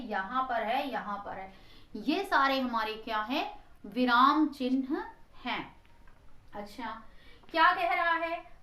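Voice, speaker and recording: A woman's voice: high voice, bright, forceful tone, reverberant, low-quality recording. A woman teacher giving an exam-prep grammar lesson. She asks questions, answers them herself, and repeats key phrases for emphasis.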